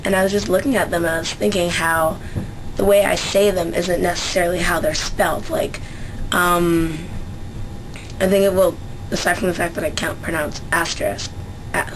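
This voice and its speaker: A woman's voice: lowish voice, background noise. A young woman from Central Canada with a Canadian accent, chatting casually in a vlog, hesitant with many fillers and restarts. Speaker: vlogger. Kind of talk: casual dialect-survey vlog.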